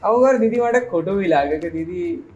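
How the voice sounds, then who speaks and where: High pitched guy doing meme reactions, sarcastic, ranting, throws in english bits. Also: expressive, brisk, a little mellow, dull audio, faint music behind. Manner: mixes English phrases into his talk. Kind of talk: casual reaction commentary.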